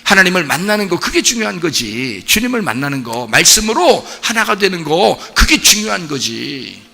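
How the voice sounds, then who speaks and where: A male pastor preaching a sermon in a blunt, joking way, with sudden shouts and chuckles. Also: sits high, moderate pace, creaky, long reverb tail. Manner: animated, bursts into shouts, chuckles; blunt casual banter with the congregation. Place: church sanctuary.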